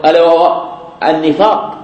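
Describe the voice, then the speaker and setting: Guy preaching, fairly high voice, says things twice, slow drawn out quotes, echoey prayer hall. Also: fairly even intonation, muffled recording. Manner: repeats key phrases, slow drawn-out quoting. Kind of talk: sermon. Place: mosque after prayer.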